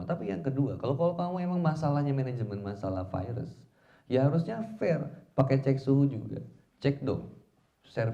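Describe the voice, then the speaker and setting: A man's voice: medium pitch, dark tone, lo-fi sound. A man preaching an informal Islamic study talk in a chatty, slangy way, telling personal anecdotes and acting out quoted dialogue. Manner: tells personal anecdotes to the audience.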